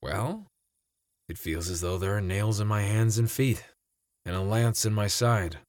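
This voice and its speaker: Man acting a weary friar, low, close and dry. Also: measured pace, a little mellow, no echo, lightly acted. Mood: weary, resigned. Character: weary, humble, obedient wounded male friar. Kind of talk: dramatized audio story acting.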